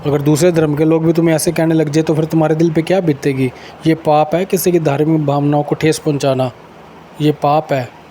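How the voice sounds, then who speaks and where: A man preaches with insistence, building his points through repeated, chanted lists. His voice sits a little high but sounds dark and mellow. Faint noise runs behind him. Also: flat delivery, brisk. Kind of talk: sermon.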